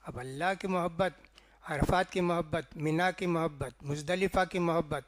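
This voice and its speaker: Slightly high-voiced preacher, chatty. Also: male voice. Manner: conversational storytelling, frequent "ji" and "na" tags; acts out quoted speech in dialogue. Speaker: mosque preacher. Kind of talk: Ramadan sermon.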